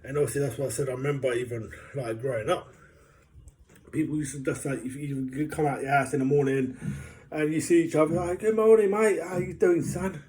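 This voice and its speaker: A man chats loosely to his camera, upbeat and jokey. His voice is mellow and warm. He rambles and fills his talk with fillers. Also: medium pitch, fairly even intonation, brisk. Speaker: vlogger. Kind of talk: casual vlog monologue.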